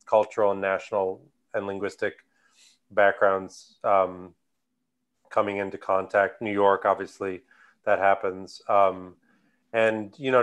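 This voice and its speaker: Brief: American man, low-pitched, halting delivery full of ums, remote panel speaker. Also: a bit bright, clear, resonant tone. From United States Midwest. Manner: hesitant, many fillers and restarts. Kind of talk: conference talk answering questions.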